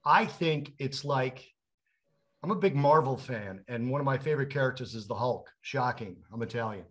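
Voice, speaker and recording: A man co-hosting a casual podcast chat, an animated storyteller who acts out quotes in other voices. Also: medium pitch, normal speed. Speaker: co-host.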